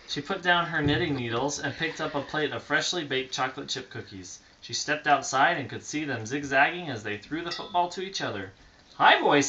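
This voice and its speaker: On a noisy phone recording made at home, a father reads a picture book to a small child at bedtime, pausing to respond whenever the child points at the pictures. His voice is slightly high, and the high frequencies are cut off.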